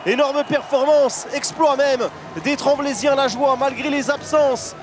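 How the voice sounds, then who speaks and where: A man calls a handball match live in a very high, emphatic voice, full of exclamation. Loud music runs under the broadcast commentary. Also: steady tone, measured pace, crowd noise.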